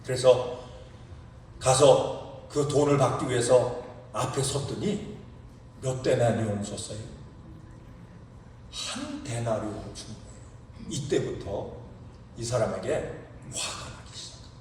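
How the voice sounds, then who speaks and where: A male pastor preaching a sermon in a church, asking the congregation rhetorical questions in an animated way. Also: mid-range voice, slow, long pauses. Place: church sanctuary. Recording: echoey hall, distant mic, faint hiss.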